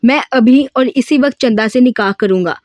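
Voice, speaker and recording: A woman's voice: fairly high pitch, normal speed, dry recording, studio quality, natural voice. A woman voicing a hot-tempered, possessive young man in a novel reading. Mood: angry. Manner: forceful, commanding.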